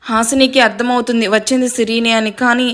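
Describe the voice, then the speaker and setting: High-voiced woman telling a story. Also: brisk. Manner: steady, dramatic storytelling. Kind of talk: scripted story narration.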